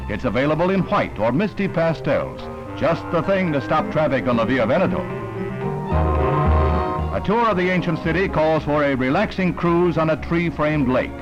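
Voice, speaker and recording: An American man reads scripted narration in the manner of a 1960s newsreel, his voice a little high. The recording is muffled, band-limited vintage newsreel film with a loud music bed in the background.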